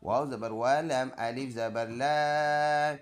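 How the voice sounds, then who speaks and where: Pakistani guy teaching quran letter by letter, super slow and drawn out, chants the verses. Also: mid-range voice, steady tone. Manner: spells each syllable slowly, then recites the verse in a chant.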